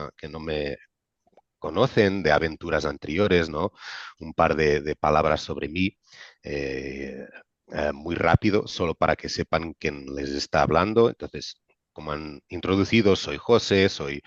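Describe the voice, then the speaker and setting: In a Spanish-language webinar, a man who sits low in pitch and has a non-native accent explains things informally as a medical director. His delivery is halting, full of pauses and repeated words, and the audio is dull and roomy.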